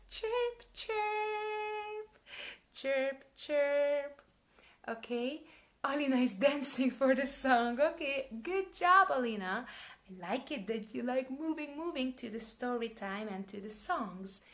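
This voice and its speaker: A woman in her thirties hosting a live English story time for young children on a webcam from home, speaking clearly in a warm sing-song teacher manner. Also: on the high side. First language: Hungarian.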